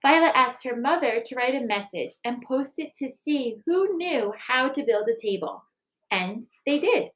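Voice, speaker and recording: This woman's voice sits high as she reads a picture book aloud with deliberate expression, the way school staff might, and announces a recipe book project to families. The recording is rough.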